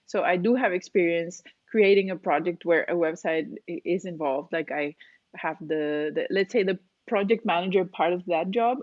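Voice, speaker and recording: Speaking at normal speed in a lowish voice, this woman in her forties, a cave diving instructor, explains things chattily as an interview guest. She laughs a lot, and the lo-fi recording is dry.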